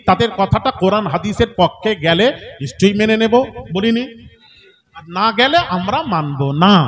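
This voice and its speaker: A male cleric arguing insistently at a village gathering, pressing his point and repeating his demands. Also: high voice. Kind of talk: heated public debate.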